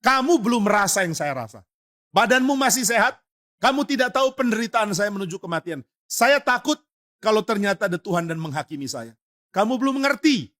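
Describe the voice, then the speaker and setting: A man's voice: sits high, sing-song, a little fast, a bit bright, voice pushed up. A man voicing a frightened elderly rich father who fears dying, pleading in a raised voice. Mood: angry.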